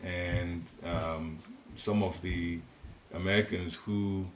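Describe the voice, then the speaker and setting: An older Ghanaian man with a low voice and fairly even intonation speaks slowly as he leads a devotional class in a private living room. His informal spiritual teaching is chatty and rambling, broken up by chuckling asides. A seated room recorder picks him up from a distance, giving a roomy sound with faint hiss.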